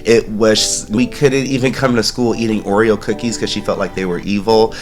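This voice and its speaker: Man in his 40s, lowish voice, easy storytelling guest over background music. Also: steady tone, normal speed. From San Francisco Bay Area, California. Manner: friendly, laughs easily, storytelling. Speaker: guest, actor and dancer. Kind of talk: casual interview chat. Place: podcast studio.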